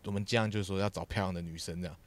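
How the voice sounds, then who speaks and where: Fast-talking, swearing Taiwanese man. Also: low-pitched. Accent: Taiwanese Mandarin. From Taichung, Taiwan. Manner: swears a lot, blunt and excitable. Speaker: podcast co-host, former TV production assistant. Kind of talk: casual chat, ranting anecdotes.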